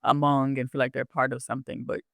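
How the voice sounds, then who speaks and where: A man's voice: medium pitch, little pitch movement, fast, creaky, fairly bright tone, no room sound. A man hosting an interview podcast, asking questions in an encouraging, chatty way. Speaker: podcast host. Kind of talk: casual interview conversation.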